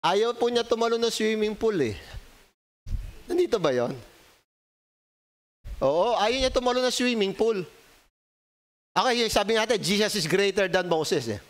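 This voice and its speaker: A pastor with a Filipino accent preaches an interactive Sunday sermon, calling on congregation members by name, joking with them and asking questions in polite Tagalog full of po and ho. His high-pitched voice is animated but unhurried with long pauses, and the recording is rough.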